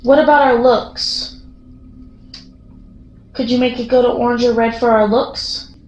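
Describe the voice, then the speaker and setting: A woman vlogging a ghost investigation in an excitable, spontaneous way, putting questions and requests to a spirit and often rephrasing them. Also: a little high, a little slow, faint music behind. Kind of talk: spontaneous vlog narration while addressing a spirit with questions. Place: echoey room inside a castle. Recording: roomy echo, some background noise.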